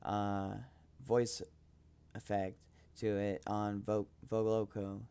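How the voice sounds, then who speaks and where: A man's voice: fairly low pitch, completely flat delivery, slow pace, mellow, smooth. A young man rambling casually about his music on his own podcast, hesitant and self-promoting. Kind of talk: casual solo podcast talk.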